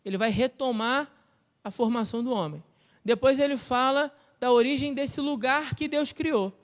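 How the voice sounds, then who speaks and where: A male pastor with a Brazilian Portuguese accent and a very high voice preaches a sermon in a church. Like a teacher, he explains and keeps putting rhetorical questions to the congregation, while a long reverb trails through the hall.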